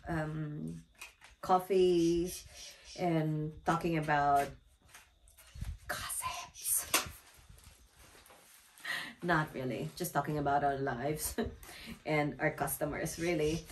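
Woman vlogger, lowish voice, chatty storyteller who giggles a lot, light hiss behind. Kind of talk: casual storytime.

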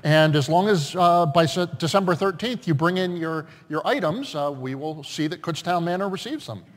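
A man pastor leading a church service, giving announcements with many fillers and measured prayers in a sanctuary. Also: on the high side, lively intonation. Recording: long church reverb.

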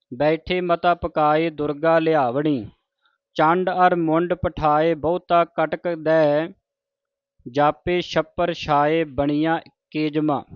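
A man teaching scripture pronunciation, reciting verses in a measured, deliberate way and adding short explanations. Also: fairly high pitch, smooth, dry recording, muffled recording. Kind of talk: slow scripture recitation lesson.

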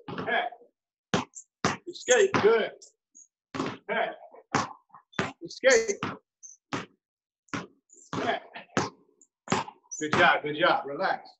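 A man with a high, unhurried voice coaches a dribbling workout, counting reps and shouting cues. He sounds far from the mic in an echoey room, with loud noise behind him. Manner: calls out counts and cues, encouraging. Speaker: basketball coach. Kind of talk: home workout drill instruction.

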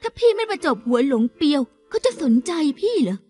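A woman dubbing a defiant, scheming younger sister in a TV drama, with a sharp, taunting manner. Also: high-pitched, very animated, brisk. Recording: drama dub with faint music.

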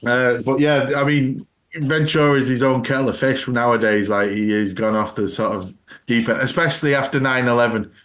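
A man's voice: mid-range voice, normal speed, fairly bright tone. A man co-hosting a casual podcast chat, rambling loosely and slipping into jokey impressions. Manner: chatty, rambling, breaks into mocking impressions. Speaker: podcast co-host.

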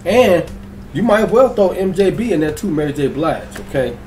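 A young man hosting his reaction channel in an excitable, slangy way, stretching out hype words and throwing in singsong ad-libs. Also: fairly high pitch, moderate pace, a little hiss or hum. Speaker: YouTube reaction channel host. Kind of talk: hyped casual vlog intro.

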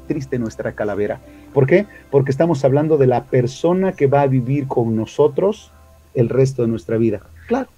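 Animated Mexican man preaching on marriage. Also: medium pitch, dull audio. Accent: Mexican Spanish. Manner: animated, addresses listeners as brothers, acts out quotes. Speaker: marriage workshop speaker. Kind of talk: preaching-style talk to a church audience.

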